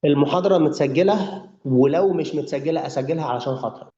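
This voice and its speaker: A man's voice: fairly high pitch, quick pace, warm tone. Egyptian man drilling a class. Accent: Egyptian Arabic. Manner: drills pronunciation, repeats words for learners. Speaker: language teacher. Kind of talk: live online lesson. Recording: roomy, muffled sound.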